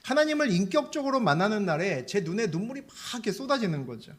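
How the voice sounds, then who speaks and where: A man preaching a sermon as pastor, telling stories with lively energy and putting questions to the congregation. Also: high voice, fast. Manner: animated storytelling, asks the congregation questions.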